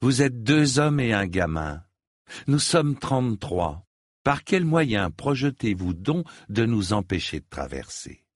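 A man's voice: mid-range voice, sing-song, takes it slowly, dry recording, studio quality. A man voicing a proud noble widow who speaks in curt commands, in an audiobook reading. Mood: commanding.

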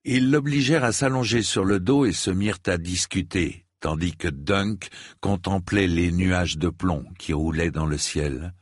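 A man narrating a story in a measured, grave manner. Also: sits low, husky, no echo, clean studio sound. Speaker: audiobook narrator. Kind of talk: scripted narration.

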